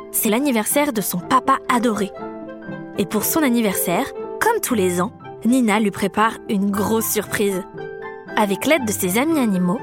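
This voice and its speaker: A woman narrating a children's story aloud in a lively, expressive way for young listeners. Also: medium pitch.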